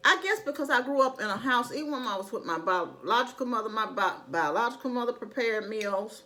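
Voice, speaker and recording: Middle-aged woman chatting with lively, swinging pitch. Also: fairly quick. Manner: conversational, chatty, emphatic when making a point. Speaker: mukbang vlogger. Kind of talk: casual rambling chat to viewers.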